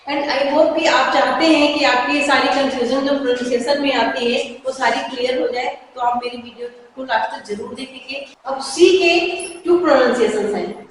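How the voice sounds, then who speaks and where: A high-voiced woman gives a pronunciation lesson and says each example word slowly, more than once. She sounds far from the mic, in a room with strong echo and a long reverb tail. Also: a little hiss or hum. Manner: slow, repeats example words with care. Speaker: English teacher. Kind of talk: Hindi-medium pronunciation lesson.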